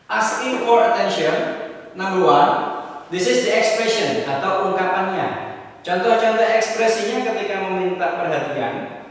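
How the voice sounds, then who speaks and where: A man teaching an English lesson at a whiteboard, mixing Indonesian and English and repeating key phrases slowly with emphasis. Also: sits high, lively intonation. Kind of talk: classroom lesson explaining at a whiteboard. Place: classroom. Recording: echoey room, voice distant from the mic.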